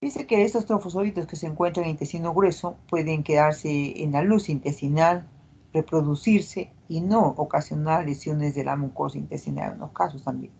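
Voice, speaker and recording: Husky low-voiced woman lecturing. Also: moderate pace, warm tone, rough recording. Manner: explanatory, frequent tag questions. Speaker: parasitology lecturer and doctor. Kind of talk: recorded class lecture.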